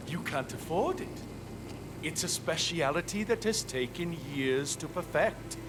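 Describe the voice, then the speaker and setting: A slow, boastful chef. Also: male voice, on the high side. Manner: slow, heavily accented, savoring every word. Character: boastful male chef, slow and self-assured. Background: game music.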